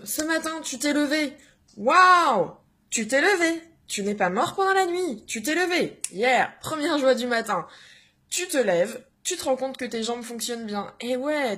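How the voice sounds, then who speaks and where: A young woman short on sleep giving an energetic morning vlog pep talk, full of hesitations and bursts of cheering. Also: on the high side. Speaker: vlogger.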